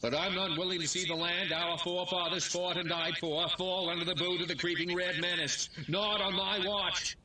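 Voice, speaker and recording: A man's voice: sits high, flat delivery, normal speed, hardly any pauses, very noisy, natural voice. An actor voicing an alien disguised as a human male mayor, speaking in a stilted way that fakes ordinary human talk, in a video game. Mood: patriotic. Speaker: game character.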